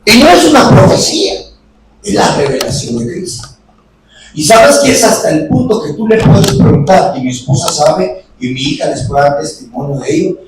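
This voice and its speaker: A middle-aged man preaching a sermon in a church, moving between quiet talk and shouting. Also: a little high, very animated, normal speed, roomy sound, far from the mic, very noisy. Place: church hall.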